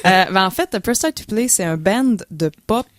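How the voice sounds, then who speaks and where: A woman's voice: medium pitch, animated, moderate pace, very noisy. A young woman with a Quebec French accent, chatting as a guest on a radio show, full of fillers and restarts. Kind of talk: casual radio chat.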